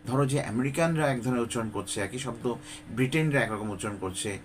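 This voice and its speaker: A man's voice: mid-range voice, brisk, slight background noise. Bangladeshi man coaching English, chatty. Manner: conversational, addresses viewer directly with frequent rhetorical questions; mixes English words and phrases into his talk. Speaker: English teacher. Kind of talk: informal spoken-English lesson.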